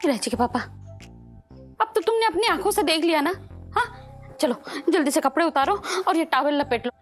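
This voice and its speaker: A shrill, excitable bossy wife. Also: female voice, normal speed, faint music behind. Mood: coaxing. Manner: shrill, coaxing, then shouting orders. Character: bossy, excitable wife chasing her husband.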